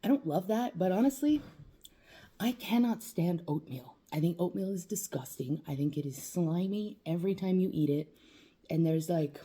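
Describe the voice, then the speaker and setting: Low, husky, mellow-voiced woman vlogging. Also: animated, normal speed. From New Mexico. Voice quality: swearing, rambling, self-mocking. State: in facial nerve pain. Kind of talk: casual talk to camera.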